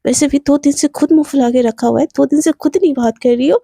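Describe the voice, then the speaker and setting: Woman storyteller doing a defensive young girlfriend, quick comebacks, high mellow voice. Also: creaky, dry recording, studio quality.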